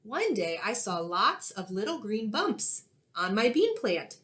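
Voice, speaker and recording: A woman in her thirties, playing an elementary school teacher, leads a read-aloud for young children in a small indoor room like a classroom. Her mid-pitched voice rises and falls in an animated way, and she speaks a little slowly. She is clear and instructive, shaping her phrases expressively for her young listeners.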